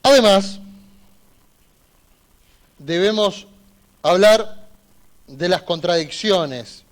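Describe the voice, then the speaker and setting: A man's voice: high-pitched, extremely slow. A man, a defense lawyer giving an emphatic, argumentative closing argument in a courtroom, repeating points for emphasis.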